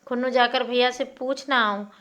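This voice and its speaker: A woman's voice: a little high, steady tone, normal speed, a bit bright, lightly acted. A woman voicing a timid small boy with short, hesitant lines.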